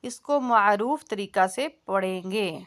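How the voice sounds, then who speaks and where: A woman's voice: medium pitch, a bit bright. A woman teaching a Quran recitation lesson, patiently drilling syllables and checking that her students follow. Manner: patient, repeats sounds slowly and checks understanding.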